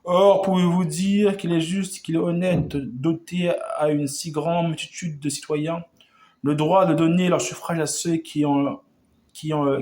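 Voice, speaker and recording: A man with a fairly high voice delivers an old revolutionary speech as oratory. He builds long rhetorical sentences and often trips over words and starts them again. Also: darkish tone. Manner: oratorical, with frequent stumbles and restarts. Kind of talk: declaiming a historic revolutionary speech.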